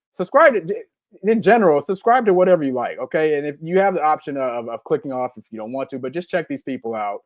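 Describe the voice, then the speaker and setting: On a live-stream podcast, a co-host in his 40s reads chat comments aloud in an upbeat, rambling way, full of ums and repeats. His voice is medium-pitched, with no room sound.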